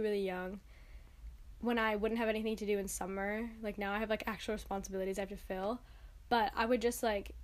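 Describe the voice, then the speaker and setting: A young woman hosting a casual solo podcast, sounding tired and stuffy-nosed, talking in an informal, rambling and emphatic way. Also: medium pitch. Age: young adult. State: tired, congested. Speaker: podcast host.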